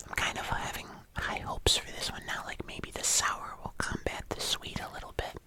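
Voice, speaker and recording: Breathy whispering ASMR host. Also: moderate pace. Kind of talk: whispered ASMR taste-test vlog.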